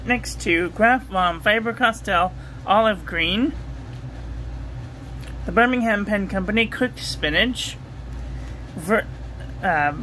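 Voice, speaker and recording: A woman reviewing ink and paper at a home desk, talking through a steady, repetitive checklist and getting excited about the ink colors. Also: mid-range voice, slight background noise, rough recording. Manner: enthusiastic over ink colors. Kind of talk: casual product review voice-over.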